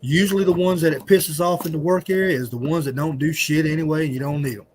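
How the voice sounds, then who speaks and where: A man's voice: on the high side, steady tone, fast talker, slight background noise. A man in a casual podcast chat, plain-spoken and wry, with some swearing.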